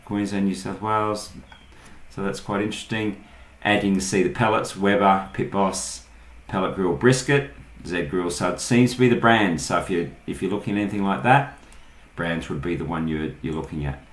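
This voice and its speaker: This is a deep-voiced Australian man at a moderate pace, giving a relaxed, unscripted screen-share tutorial online. He thinks aloud in short pieces as he goes, and his voice echoes in a roomy recording.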